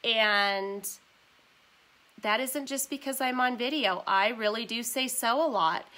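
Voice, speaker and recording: A woman in her forties hosts a casual live stream from her phone at home. Her voice is bright and a bit high, with a stuffy, nasal tone from a sinus cold. She chats warmly with viewers, filling the gaps with ums and apologies as she reads comments. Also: measured pace. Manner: chatty, apologetic, many ums and so's. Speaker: vintage shop owner hosting a live stream.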